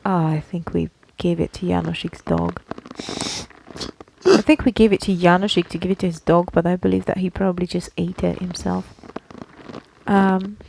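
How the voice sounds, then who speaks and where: On a poor recording with slight background noise, a Slovak woman speaks at a moderate pace in a fairly low, slightly mellow voice with vocal fry and fairly even intonation. She's a podcast co-host chatting casually, often confirming her listener is following.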